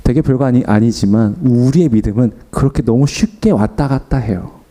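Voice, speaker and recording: A young man with a medium-pitched voice preaches fairly quickly at an afternoon service, recounting a personal story. He animatedly acts out what he and other people said.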